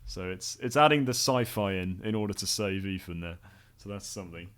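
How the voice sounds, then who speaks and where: A man's voice: sits low, a little fast, fairly bright tone, clean tone. A man giving casual commentary on his own video, rambling and self-critical, laughing often.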